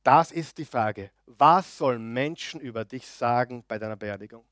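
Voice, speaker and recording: Male pastor, mid-pitched and emphatic, loud-then-soft preaching, dry close sound. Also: normal speed, no echo. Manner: emphatic, swings between loud declarations and quiet asides; asks the audience frequent questions. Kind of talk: sermon.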